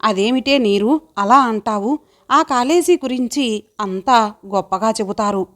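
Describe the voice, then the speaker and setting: A woman's voice: a little high, a little slow, fairly bright tone. Woman reading as an earnest young village woman. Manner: heartfelt, pleading.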